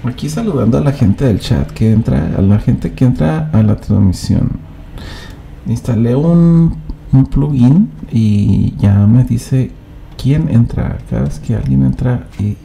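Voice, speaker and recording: A man streams a game live, talking straight to his chat with teasing banter. His voice is gravelly and very dark, and he speaks slowly with a lively, swinging pitch. Faint keyboard clatter sits behind him. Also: a little hiss or hum. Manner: chatty, addresses chat directly, teasing banter. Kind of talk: live gameplay commentary.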